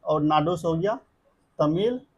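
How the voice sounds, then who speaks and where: A man's voice: a little high, moderate pace, darkish tone, lo-fi sound, a little hiss or hum. Man teaching a memory trick. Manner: drills the class with repeated chanted phrases; keeps checking in with the class, asking if they follow. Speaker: exam coaching teacher.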